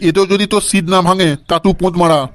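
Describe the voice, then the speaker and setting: Brief: man playing a cursing, balding old cartoon dad, high and fast, stammering when shocked. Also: fairly even intonation, background noise, close to an everyday voice. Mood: scolding. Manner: stammers when shocked, swears, mispronounces English words. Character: crude balding old father, mocking and hot-tempered. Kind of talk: cartoon comedy voice acting.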